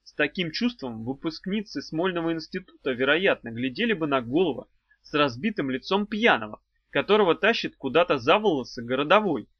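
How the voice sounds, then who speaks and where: A man narrating a children's fantasy audiobook with a lively, expressive reading. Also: a little high, a little fast, no room sound, dull audio.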